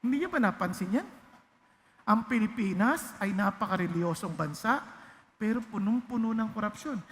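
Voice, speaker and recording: A man's voice: high-pitched, lively intonation, moderate pace, big-room sound. A pastor preaching a sermon with emphatic exclamations and frequent checks on his listeners. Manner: mixes English and Filipino, asks the congregation if they are still with him; emphatic, rises to loud exclamations.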